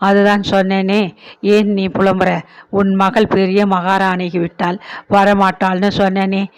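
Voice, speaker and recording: A woman's voice: mid-range voice, level tone, unhurried, smooth, lightly acted, low-quality recording. A woman doing a sneering old father. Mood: mocking. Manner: sneering, sarcastic. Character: bitter, mocking elderly father.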